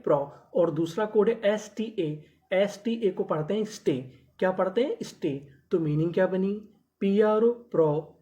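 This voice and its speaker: Male phonics teacher with a mellow, warm voice. Drills by asking a question and answering it himself, and spells words out slowly before saying them whole. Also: high-pitched. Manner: sounds out letters slowly, then blends them into words. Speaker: English teacher. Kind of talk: phonics lesson for Hindi speakers.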